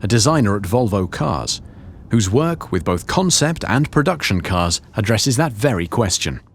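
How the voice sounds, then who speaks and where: Man narrating with lively pitch. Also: normal speed, a little hiss or hum. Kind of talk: scripted narration.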